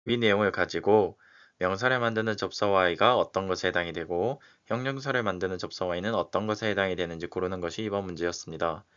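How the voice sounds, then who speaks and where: A man teaching, who slowly and methodically explains exam questions one example at a time. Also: low voice, a bit bright, clear, resonant tone. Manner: slow and methodical, walking through examples step by step. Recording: dull, lo-fi recording.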